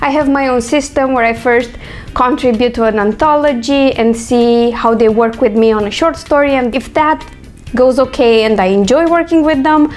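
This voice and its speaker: A woman's voice: fairly high pitch, normal speed, darkish tone. A woman from Romania, talking through her thoughts in a casual, chatty vlog with frequent fillers. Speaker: author and vlogger.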